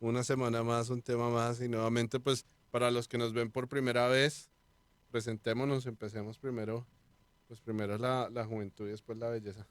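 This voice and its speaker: A man steers a casual podcast conversation, joking and easygoing. His voice is smooth and resonant, and it is recorded dry and close to the mic. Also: medium pitch, little pitch movement, normal speed, no room sound. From Colombia (Bogotá). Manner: leads the talk, joking and easygoing. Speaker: podcast co-host.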